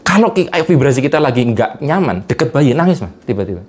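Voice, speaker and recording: A man's voice: mid-range voice, sing-song, fast talker, slight background noise. A man in a casual interview, explaining with everyday examples and chuckling often. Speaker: guest speaker on vibration and energy.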